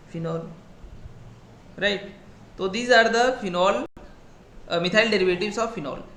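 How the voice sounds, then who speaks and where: Man, Indian English accent, lecture, slow delivery, bright voice, echoey room, faint hiss. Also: high voice. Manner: explains slowly, switching between Hindi and English, often checks with "right?". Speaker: chemistry teacher. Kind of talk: recorded class lecture.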